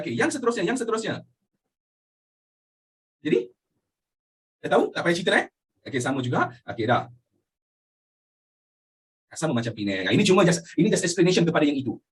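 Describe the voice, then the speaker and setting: Animated Malaysian male history teacher. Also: high-pitched, fast, pauses often, slightly rough. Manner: animated, asks students questions constantly, mixes in English phrases. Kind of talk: lively classroom lecture.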